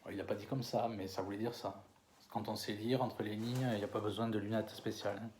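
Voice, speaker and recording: French male lecturer, low voice, halting delivery with fillers, slows down to spell out names. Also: fairly even intonation, a little mellow, slight background noise. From France. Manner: hesitant, many fillers and restarts, slow over names. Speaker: conference speaker. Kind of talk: lecture to an audience. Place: conference hall.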